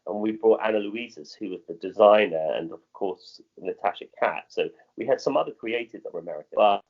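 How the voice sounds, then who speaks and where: A middle-aged man with a modern British accent speaks as a theatre director, answering interview questions in a conversational way. He talks haltingly, often repeating and rephrasing himself, in a lowish voice with the highs cut off.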